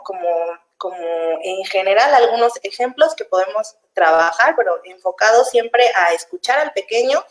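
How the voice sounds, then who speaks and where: A young woman, explaining child development in a chatty, casual way and laughing easily. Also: medium pitch. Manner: warm, chatty, laughs easily, acts out parents' voices. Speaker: child development specialist guest. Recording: echoey room.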